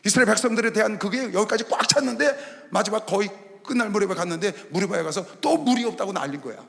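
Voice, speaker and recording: A man preaching a Sunday sermon as pastor, animated, voicing God and Moses in lower tones. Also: fast talker, vocal fry. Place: large indoor arena hall. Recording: long reverb of a large arena hall.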